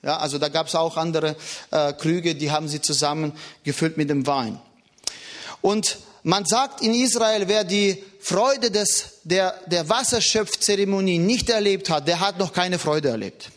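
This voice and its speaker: High-voiced emphatic male preacher. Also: unhurried, a bit bright. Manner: earnest, emphatic, rises and drops in pitch. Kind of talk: sermon.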